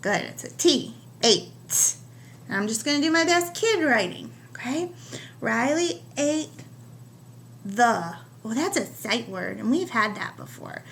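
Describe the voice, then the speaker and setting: A woman teaches young children to write, stretching each word into slow separate sounds. Her voice sits a little high. A faint hiss runs under the recording. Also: animated, creaky, fairly bright tone. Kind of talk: home-recorded writing lesson for young children.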